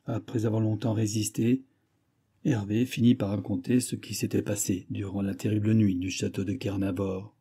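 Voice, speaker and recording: Dark, husky male audiobook narrator. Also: lowish voice. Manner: measured, even storytelling. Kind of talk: scripted narration.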